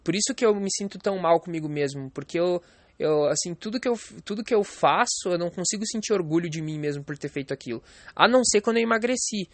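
A man's voice: high voice, expressive, quick pace, no room sound. A man from Rio do Sul, vlogging in a blunt, profane, rambling monologue full of fillers. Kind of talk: casual monologue.

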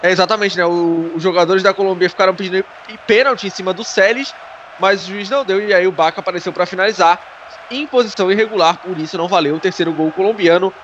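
Speaking fast in a high, fairly bright voice, this Brazilian co-commentator analyzes a football match live, explaining the action and frequently adding little checking tags. The broadcast audio is noisy and dull.

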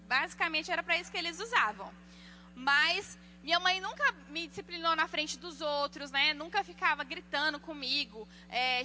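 A woman giving a sermon on parenting, telling lively personal stories and acting out the voices of the people in them. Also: sits high, slight background noise. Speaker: church speaker.

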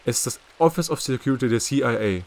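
A man's voice: medium pitch, lively intonation, fast talker, vocal fry, a little mellow, pitched above the performer's own voice. A man voicing a wary male security chief who speaks formally and carefully.

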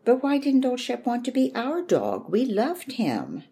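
A woman's voice: a little high, wildly swooping pitch, unhurried, warm tone, voice pushed up, exaggerated voice. Plaintive young girl, earnest and stubborn, read by a woman in a raised voice.

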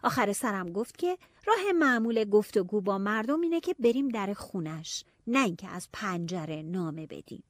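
A woman narrating a novel in the first person, telling it in a lively, expressive way. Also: mid-range voice, hardly any pauses, dry recording, studio quality. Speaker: audiobook narrator.

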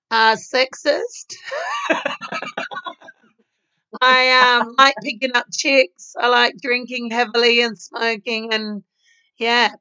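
High, bright, slow-talking woman. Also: clear, resonant tone. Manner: giggly, agreeable. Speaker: podcast co-host. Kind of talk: casual chat. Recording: dull lo-fi sound.

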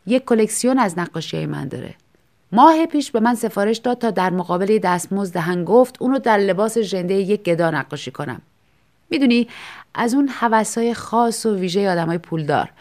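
A woman voicing a self-assured male painter who speaks in an unhurried, teasing way, in a storybook reading. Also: mid-range voice, lively intonation, darkish tone, natural voice. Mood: amused calm.

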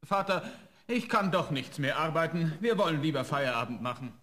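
A man's voice: a little high, lively intonation, normal speed, fairly bright tone. A young man playing a clever, cheeky student, firm with a spirit and polite to his father, in a fairy-tale radio play. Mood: coaxing. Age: young adult.

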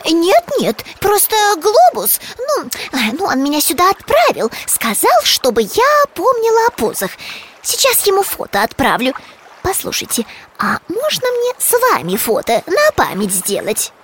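Very high-pitched little cartoon frog. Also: female voice, huge pitch swings, unhurried, a bit bright, a little hiss or hum, full character voice. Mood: sheepish. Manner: exclaiming, with croaking stammers on words. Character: eager, naive, polite little female cartoon frog. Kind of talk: animated children's cartoon dialogue.

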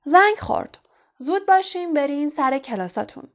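A woman voicing a vain, showy male teacher who talks in a booming, cheerfully pompous way. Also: expressive, vocal fry. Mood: jovial.

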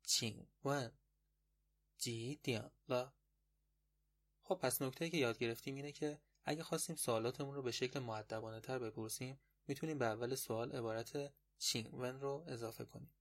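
A man teaching a podcast language lesson in a patient, explanatory way, repeating words slowly. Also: medium pitch.

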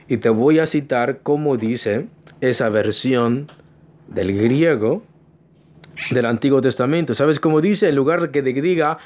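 Slow-paced preacher posing questions to listeners. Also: male voice, mid-range voice, darkish tone. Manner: asks the congregation questions and answers them; keeps telling listeners to pay attention. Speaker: pastor. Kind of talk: teaching sermon. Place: church.

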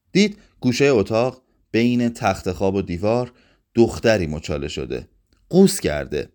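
A man reading a literary short story aloud in a measured, expressive way. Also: on the low side.

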